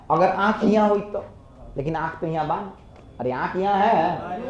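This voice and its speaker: A man's voice: sits high, darkish tone. A man teaching physics in a classroom, coaxing students with repeated questions. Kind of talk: classroom lecture. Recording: echoey room, dull lo-fi sound.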